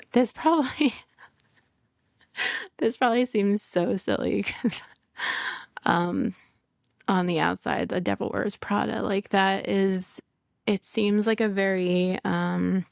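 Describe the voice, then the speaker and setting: A middle-aged woman hosts a podcast solo, talking casually in a candid, emotional, confessional way, laughing often, swearing, and filling her speech with "like." Her medium-pitched voice is slow and creaky, with frequent pauses. The recording is dry and studio-clean.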